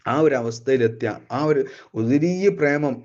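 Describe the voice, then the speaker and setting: A man teaching a classical devotional poem line by line, slowly chanting each verse and then explaining it briskly. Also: medium pitch, fairly even intonation, a little mellow, lo-fi sound. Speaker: religious teacher.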